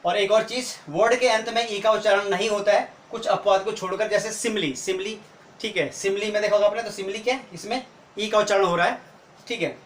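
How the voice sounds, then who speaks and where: High-voiced teacher in an echoey room. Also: male voice, steady tone, fairly quick, a bit bright. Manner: explains step by step with many rhetorical questions. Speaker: English teacher. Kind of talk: video lesson. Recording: echoey room with faint noise.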